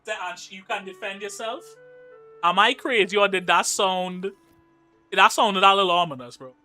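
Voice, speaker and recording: A young man with a Trinidadian accent, from Trinidad and Tobago, chats casually on a live game stream, joking and reading chat messages aloud. His voice sits high with a sharp tone and a moderate pace, and soft music plays in the background.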